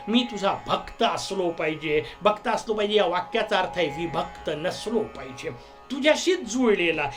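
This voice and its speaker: A man's voice: sits high, a bit bright. Man giving a religious discourse over faint music. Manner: explains with homely examples and chants verses. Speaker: spiritual discourse speaker.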